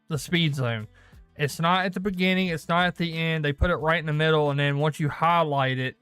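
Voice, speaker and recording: His voice is on the high side, a bit bright and smooth, captured in a dry recording. He hosts a casual solo gaming news chat, rambling, frequently laughing and correcting himself as he goes.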